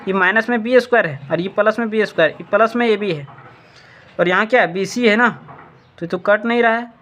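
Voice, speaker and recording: Man, maths teacher, high voice, repeats key points, asks and answers own questions, from india. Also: fairly quick, a bit bright. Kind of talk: step-by-step board lesson.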